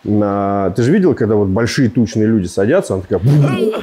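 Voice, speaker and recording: A man's voice: fairly low pitch, brisk, crowd noise. A man in his thirties reviewing a car in a casual, joking, rambling way, recorded in a large indoor showroom on a lapel mic. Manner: joking, rambling, animated with gestures.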